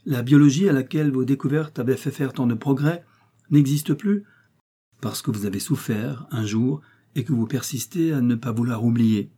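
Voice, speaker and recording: Man voicing a spirited young woman, teasing, husky, mellow. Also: mid-range voice, moderate pace, natural voice. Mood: reproachful. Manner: lively, provoking.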